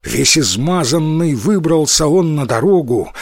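Man, slow measured storybook reading, lively pitch, dry recording. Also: no room sound. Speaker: narrator. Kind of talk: storybook narration.

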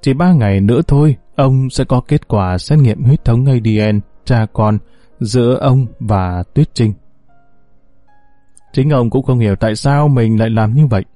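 A man narrating a scripted story in a steady, measured way. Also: mid-range voice, no echo, soft background music.

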